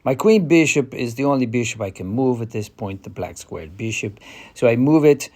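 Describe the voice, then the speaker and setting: A man playing a confident chess player with an Eastern European accent, explaining a game in a deliberate, hesitant way. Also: mid-range voice, expressive, mellow, natural voice. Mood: explanatory, measured. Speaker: chess player giving a tutorial.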